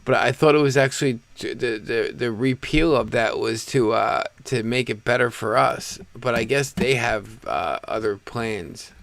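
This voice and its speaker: Low gravelly us guy rambling on his stream, laid back, dry sound. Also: unhurried, hardly any pauses, a bit bright, no room sound. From United States. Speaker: live stream host. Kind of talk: casual political chat.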